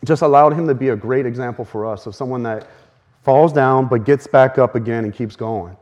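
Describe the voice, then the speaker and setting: This lo-fi clip has a man teaching through a sermon in a mid-range voice, earnest and slightly strained. Now and then he rushes forward in quick bursts and lets out soft laughs.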